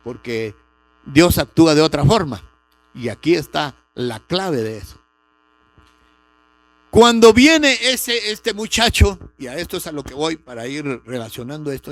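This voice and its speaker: Man preaching, raised pitch, emphatic, faint mains hum. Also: fairly bright tone, dry recording. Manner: emphatic preaching, rising sharply on key words. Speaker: pastor. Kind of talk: sermon with personal testimony.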